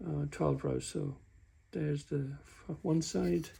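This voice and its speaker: A man talks through a car repair in a workshop, his voice deeply gravelly and husky. He stumbles and restarts sentences often as he shows the parts, keeping an unhurried, casual tone. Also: steady tone, warm tone. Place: workshop with a work table.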